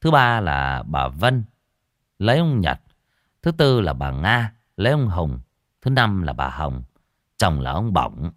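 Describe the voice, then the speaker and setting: A male storyteller telling a ghost story in a folksy, colloquial way. His voice is low but swings widely in pitch. The sound is dry and close to the mic. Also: sing-song, slow pace, a bit bright, no room sound.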